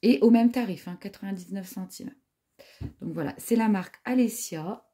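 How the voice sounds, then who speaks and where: With a mellow, husky mid-range voice and a moderate pace, this woman in her 40s, a knitting vlogger, casually reviews some yarn she came across. Her talk is hesitant and full of fillers and restarts.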